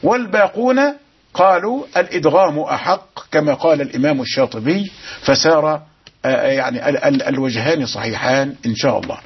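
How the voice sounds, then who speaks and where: A man teaching Quran recitation rules, explaining quickly and chanting verses slowly and melodically. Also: fairly high pitch, expressive, slightly rough. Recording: dull lo-fi broadcast sound.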